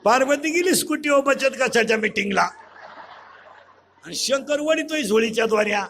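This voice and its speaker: A man preaching a comic devotional kirtan sermon, loud and rhythmic, with joking asides and rapid-fire lists. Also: very high-pitched, animated, slight background noise.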